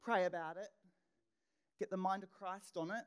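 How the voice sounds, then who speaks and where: A middle-aged woman preaching a sermon in an animated way, acting out her own thoughts and dropping into whispered asides. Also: medium pitch, moderate pace, smooth. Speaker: pastor.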